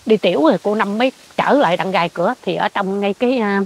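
Older woman, Southern Vietnamese accent, husky, rapid, animated storyteller. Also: mid-range voice. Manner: animated storyteller who acts out what she saw. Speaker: interviewee. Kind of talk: ghost story told in conversation.

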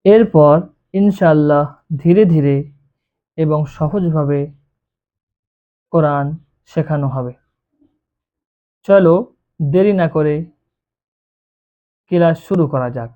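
A Quran reading teacher gives a beginner lesson in a mid-range voice, speaking slowly with frequent pauses as he patiently stretches out each letter sound to demonstrate it. The recording sounds tinny, like a phone.

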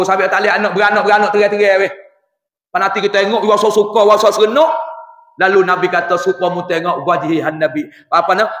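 A man, preaching a religious lesson in an animated, folksy way. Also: high-pitched, echoey room, long reverb tail. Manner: folksy, animated, mixes scripture with dialect. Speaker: religious teacher. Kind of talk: Islamic sermon in local dialect.

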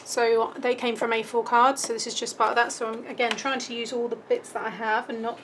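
At a craft table indoors, a woman from the UK gives a brisk, chatty walkthrough of a craft project, thinking aloud while her voice starts to fade. Her pitch is on the high side and her delivery flat, with background noise present.

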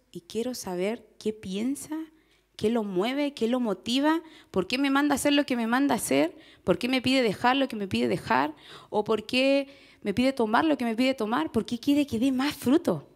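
A woman with a Chilean accent delivers a church sermon in a chatty, questioning way. Her voice sits a little high and carries a gravelly rasp. She breaks into laughs and turns to the listeners often. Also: darkish tone. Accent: Chilean Spanish. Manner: conversational, asks the congregation questions, laughs often. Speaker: preacher.

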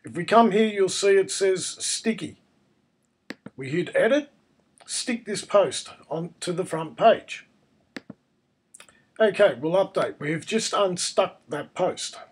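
A man, croaky and hoarse from a cold, narrating a casual step-by-step screencast tutorial. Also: high voice, animated, slow, long pauses. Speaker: tutorial presenter.

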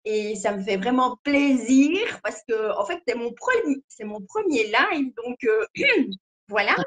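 A woman's voice: fairly high pitch, sing-song, slow pace. A woman in her fifties from Belgium with a Liège accent, a guest clairvoyant talking hesitantly on a video call. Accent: Liège Belgian French. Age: 50s. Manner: hesitant, many fillers, laughs nervously. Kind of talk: casual live-stream chat.

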